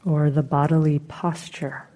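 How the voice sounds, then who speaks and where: A female meditation teacher guides a meditation in a low-pitched, flat voice. Her manner is soothing, unhurried and gently instructive.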